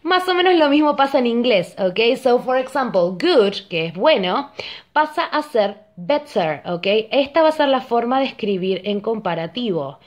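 A woman's voice: a little high, lively intonation. Patient bilingual woman teaching grammar. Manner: patient, explains slowly, often checks with "ok?". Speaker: English teacher.

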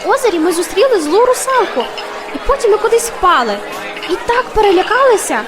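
A woman voicing an eager young elf girl in an audio fairy tale, speaking in an excited way. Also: very high voice, brisk, music in the background, crowd noise, pitched above the performer's own voice.

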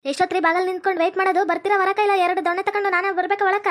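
A woman's voice: very high voice, flat delivery, a bit bright. A woman doing a scolding female police officer. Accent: North Karnataka Kannada. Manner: scolding, threatening, rapid.

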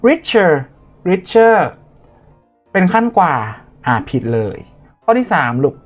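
A man's voice: high-pitched, sing-song, slow. A man tutoring students in a chatty, playful way, talking through each answer and correcting his own slips. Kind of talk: online tutoring lesson. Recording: dull lo-fi audio with faint music.

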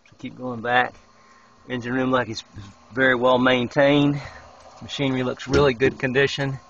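A man's voice: medium pitch, little pitch movement, normal speed, fairly bright tone. A man casually narrating a walk-through of a yacht's cabins as he films, rambling with fillers and restarts. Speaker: walk-through guide filming a boat tour. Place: indoors aboard a yacht, small wood-paneled cabins. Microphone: handheld camera microphone. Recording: dull lo-fi camcorder audio.

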